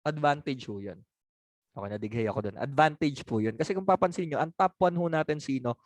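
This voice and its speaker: Male sales trainer, slightly high voice, dry close sound, chatty and questioning. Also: animated, fairly quick, dry recording. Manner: conversational, laughs often, asks for agreement. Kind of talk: training talk answering objections.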